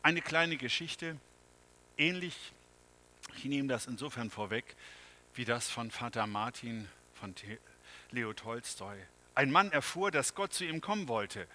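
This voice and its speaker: A man preaches a sermon, taking his time over every phrase. His tone is bright and ringing, and his voice rises to loud appeals before falling to hushed, near-whispered lines. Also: medium pitch, lively intonation, poor audio. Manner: slow and dramatic, swings from loud to hushed whispers. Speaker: pastor.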